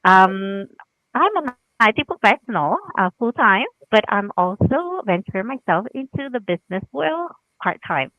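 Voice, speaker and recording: A woman's voice: mid-range voice, big pitch swings, normal speed, dry recording. A woman in her forties from Vietnam, introducing herself in a friendly way on a live video call panel. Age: 40s. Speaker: guest, IT professional. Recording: tinny phone-like video call.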